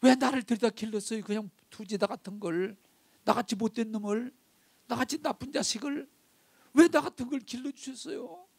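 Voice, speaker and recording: A man's voice: moderate pace, vocal fry, breathy edge, no room sound, heavily acted. A man voicing an anguished young adult man who wails and pleads in tears to his dead mother. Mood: pleading. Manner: wailing, high strained pleading.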